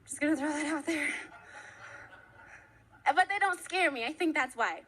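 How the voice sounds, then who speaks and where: A woman's voice: high-pitched, lively intonation, moderate pace, fairly bright tone, a little hiss or hum, poor audio. A young woman preaching a sermon in a church, chatting casually and then building into impassioned repeated lines. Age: young adult. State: out of breath.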